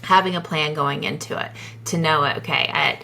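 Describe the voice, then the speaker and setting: A woman with a Southern US accent, co-hosting a podcast in a casual, animated way. Her voice sits a little low but sounds bright and forward. She talks in quick bursts with frequent restarts. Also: vocal fry, a little hiss or hum. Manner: animated, chatty, laughs often, many restarts. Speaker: podcast co-host. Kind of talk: casual chat reading listener stories.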